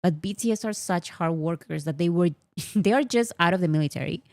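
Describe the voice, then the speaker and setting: Fairly low-pitched and a little mellow, this Spanish-native woman talks to camera at a fairly quick clip as a K-pop fan vlogger, joking with mock seriousness and laughing a lot. The sound is clean studio audio with no room sound.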